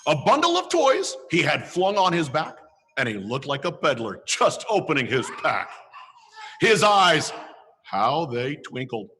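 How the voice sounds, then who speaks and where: An actor playing a jolly, playful Santa Claus who reads a holiday story slowly and theatrically and chats with children. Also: male voice, a little high, huge pitch swings, bright, forceful tone, in a large hall, slight background noise, exaggerated voice. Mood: storytelling. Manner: slow, theatrical reading with playful chuckles. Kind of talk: holiday story reading and kids' Q&A.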